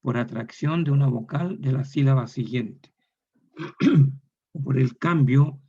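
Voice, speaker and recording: A man's voice: mid-range voice, slow pace, dark tone, breathy edge. A man giving a methodical lecture, repeating each example word aloud. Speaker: university lecturer. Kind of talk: recorded lecture. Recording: dull lo-fi recording.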